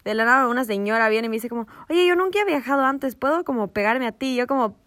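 A woman telling a story in casual chat, animated and laughing, dropping in English slang. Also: a little high, fast, dry recording, studio quality.

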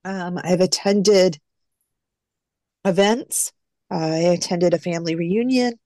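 Speaking slowly in a low, darkish voice without echo, a woman who was adopted tells her story reflectively during a casual interview. She recounts earlier phone calls, quoting what was said.

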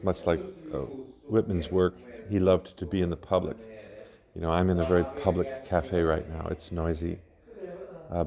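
A middle-aged man from Alabama with a Southern US accent, a poet giving a slow, deliberate reading with spoken asides in a cafe. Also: low voice, vocal fry. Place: public cafe.

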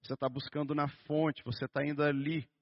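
A man with a Brazilian Portuguese accent preaching a sermon in a conversational way, with joking asides and a slow, stressed reading of scripture. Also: a little high, little pitch movement, no echo. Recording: dull, dry lo-fi sound.

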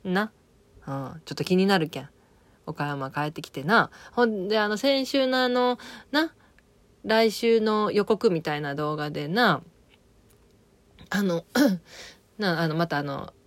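A woman's voice: on the low side, measured pace, pauses often, dry recording. Chatty woman with an Okayama accent. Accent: Okayama dialect of Japanese. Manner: chatty, rambling, many fillers and self-corrections. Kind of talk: casual spoken recap of a TV drama.

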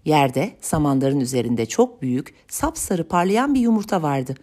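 A woman with a very low voice reads a folk tale aloud. Her delivery is measured and even, in the manner of storybook narration.

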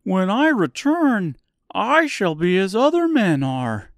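Eager straw scarecrow, loud and high-pitched, voiced by a male narrator, storybook reading, dry sound. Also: sing-song, slow pace, no echo, exaggerated voice. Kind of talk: audiobook character voice.

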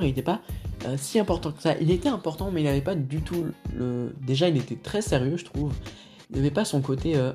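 A man's voice: medium pitch, mellow. A man with a French accent hosting a casual film review podcast, talking hesitantly with many fillers and restarts. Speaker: podcast host.

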